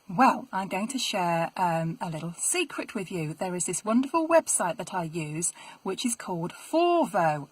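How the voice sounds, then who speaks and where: A middle-aged woman, a voiceover artist, chatting to camera from her small home studio in a friendly, clearly enunciated way. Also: lowish voice, poor audio. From England. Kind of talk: casual explainer to camera.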